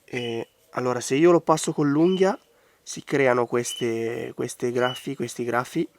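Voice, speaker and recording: A man with a hoarse, congested voice giving out from a bad cold, talking casually through a hands-on craft tutorial. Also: medium pitch, fairly even intonation, a little slow, slight background noise. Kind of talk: casual hands-on DIY commentary. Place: outdoors in a garden.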